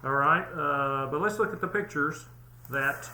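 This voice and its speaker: Bright-voiced man, halting mock-earnest host. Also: fairly high pitch, reverberant, a little hiss or hum. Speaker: channel host. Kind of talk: tongue-in-cheek conspiracy presentation.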